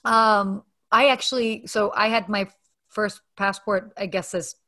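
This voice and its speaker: A woman's voice: mid-range voice, fairly even intonation, measured pace, pushed and bright. A young woman hosting a casual interview, talking in a friendly, conversational way with plenty of fillers. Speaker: interview host.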